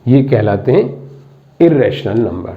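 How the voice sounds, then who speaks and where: A man's voice: medium pitch, very animated, takes it slowly. A man teaching a maths class, mixing Indian-accented English terms into his explanation and often repeating key words and asking students questions. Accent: Indian English mixed into Hindi. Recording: tinny phone-like audio.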